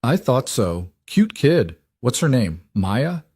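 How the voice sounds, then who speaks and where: A man reading a story and voicing a wealthy, menacing man who threatens with calm, false politeness. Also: mid-range voice, slow, breathy edge, dry recording, studio quality, pitched above the performer's own voice, exaggerated voice. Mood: calm menace. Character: cold menacing rich man, smooth-talking.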